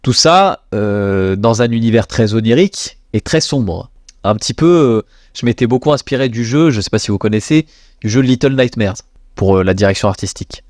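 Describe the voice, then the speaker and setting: A man's voice: on the low side, animated, normal speed, dry recording. Young French man podcasting, dry sound. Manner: conversational, many fillers. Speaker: podcast host. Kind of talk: casual monologue.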